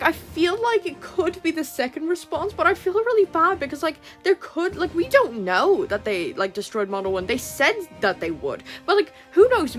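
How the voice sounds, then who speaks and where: High, lively woman reacting to a game. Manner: emotional, hesitant, many fillers. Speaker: game player. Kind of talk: reacting while playing.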